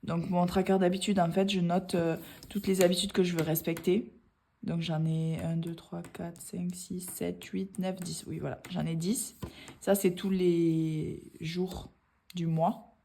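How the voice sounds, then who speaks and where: A woman's voice: lowish voice, flat delivery, unhurried, gravelly, dark tone, slight background noise. A woman, chatting casually in a vlog, rambling with many hesitations. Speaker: budgeting vlogger. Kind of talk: casual chat.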